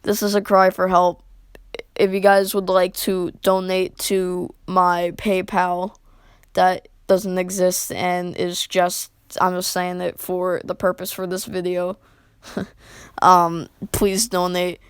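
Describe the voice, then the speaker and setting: Woman, casual comedic storyteller, rambling and jokey, smooth voice, dry close sound. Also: fairly low pitch, monotone, takes it slowly, dry recording, poor audio. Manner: rambling, jokey, full of "like" fillers.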